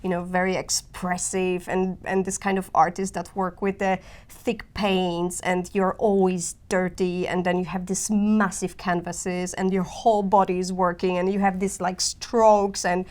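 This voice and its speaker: A woman in her thirties from Poland, speaking English with a Polish accent as a guest artist in a casual interview, animated, with many fillers and restarts. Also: on the low side, a little slow, hardly any pauses. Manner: animated, frequent fillers and restarts, laughs easily.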